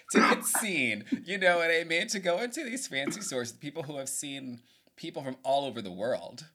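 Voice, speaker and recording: Man, podcast host, casual interview chat, very animated pitch, laughs often.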